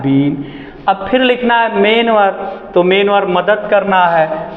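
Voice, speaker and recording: A man teaching an English grammar lesson, asking the class questions and answering them himself, drawing out key words slowly. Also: sits high. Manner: slow and deliberate, stretching out key words. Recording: echoey, dull lo-fi classroom recording.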